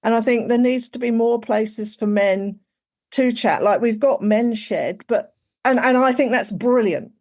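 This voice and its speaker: A woman's voice: fairly high pitch, measured pace, darkish tone. A woman, chatting casually as a podcast guest, full of "like" and "you know". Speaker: guest, executive coach.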